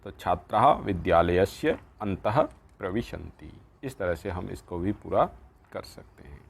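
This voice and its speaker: A man's voice: deep voice, expressive, vocal fry, slightly rough. A man teaching a textbook lesson, reading lines aloud and explaining each word. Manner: slow, reads Sanskrit lines then explains in Hindi. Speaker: Sanskrit teacher.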